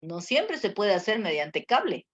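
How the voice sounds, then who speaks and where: A woman's voice: medium pitch, very animated, a little slow, dry recording. A woman teacher giving a class lecture, with many fillers and tag questions. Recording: muffled lo-fi audio.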